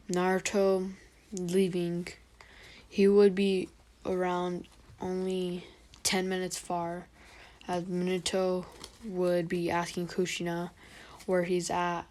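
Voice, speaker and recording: A young woman improvising a fan story aloud. Her telling is rambling and halting, with many fillers. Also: on the low side, a little mellow.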